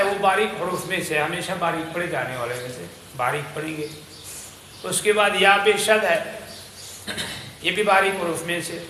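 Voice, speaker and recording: A man teaches a class Quran recitation, explaining patiently and methodically and chanting each phrase as a model. His voice is high and sharp, with a little hiss or hum, in a roomy class recording.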